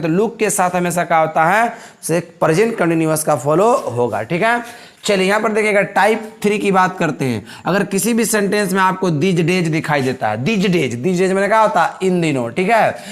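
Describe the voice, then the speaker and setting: A man's voice: high voice, fairly bright tone. A man teaching English grammar in a classroom-style lesson, repeating each example sentence and asking rhetorical questions.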